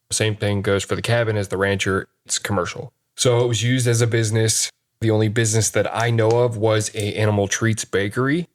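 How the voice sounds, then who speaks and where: A man speaking as a paranormal investigator, giving a plain-spoken, matter-of-fact account in a casual conversational style. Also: on the low side. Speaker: paranormal investigator, podcast guest.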